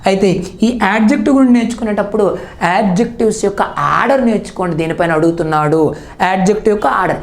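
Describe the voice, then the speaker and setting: A woman's voice: mid-range voice, fast talker. A woman with a Telangana Telugu accent teaching an exam-prep grammar lesson, asking questions and answering them herself, often checking with "okay?". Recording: roomy classroom echo.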